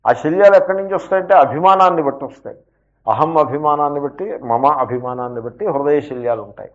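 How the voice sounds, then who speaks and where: A man teaching scripture as a spiritual teacher, explaining patiently and posing rhetorical questions with slow, emphatic asides. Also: on the high side. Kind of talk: scripture lecture with commentary. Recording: dull lo-fi lecture recording.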